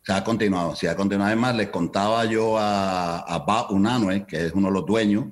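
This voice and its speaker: Middle-aged man, very low voice, animated interview storyteller who slips between Spanish and English. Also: brisk. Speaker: salsa event promoter.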